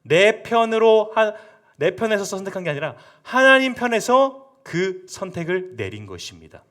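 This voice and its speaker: A man gives a sermon to a young audience, acting the story out with lively shifts in his voice. His voice sits high for a man, and he often stops to ask the listeners questions. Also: normal speed. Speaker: youth pastor. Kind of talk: sermon for children.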